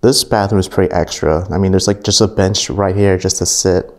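Walking through an abandoned mansion, this urban explorer vlogger talks a little fast in a low voice with fairly even intonation. His casual narration is heavy on fillers and easily impressed, recorded on a camera mic inside.

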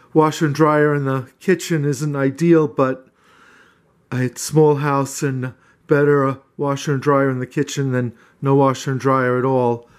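Speaking at a medium pitch, a homeowner gives a casual walking tour of his small renovated cottage. He sounds hesitant, with many fillers and restarts, and it was recorded indoors on a handheld camera.

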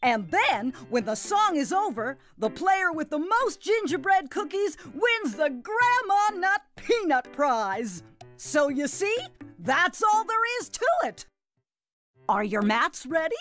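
A woman's voice: very high voice, sing-song, slow, a bit bright, soft background music, exaggerated voice. A woman voicing a jolly, doting, slightly nutty grandmother who hosts a children's game in a folksy, gleeful, exclamatory way. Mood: cheerful, instructive. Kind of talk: animated children's game narration.

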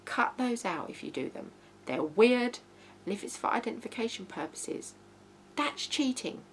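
Speaking at a moderate pace in a slightly high, animated voice, a thirtysomething woman offers blunt, emphatic writing tips straight to camera. It's a casual video tutorial shot indoors in a small living room, with hum and background noise on the audio.

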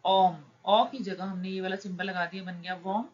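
A woman teaching shorthand, explaining each word slowly and patiently, step by step. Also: little pitch movement. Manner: slow, patient, drawn-out words. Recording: dull low-fi recording with faint noise.

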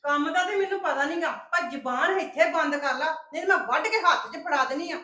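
An actress playing a scheming, sharp-tongued sister-in-law who accuses and taunts the family. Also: female voice, high voice, brisk. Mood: indignant. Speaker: actor in a family web drama.

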